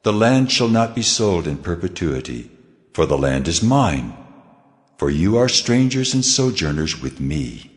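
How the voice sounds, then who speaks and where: In a dramatized scripture recording, a man voices the Lord, sounding solemn, grave, and commanding. His low voice is sing-song and unhurried, with long hall reverb and faint music behind it.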